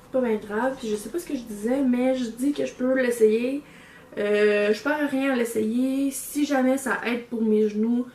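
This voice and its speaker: Québécois woman rambling thru an unboxing, lots of ums, camera mic, echoey room w/ faint hiss. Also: on the high side. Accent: Québécois French. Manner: chatty and rambling, many fillers and restarts. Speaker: vlogger reviewing a subscription box. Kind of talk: casual unboxing chat. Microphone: camera microphone.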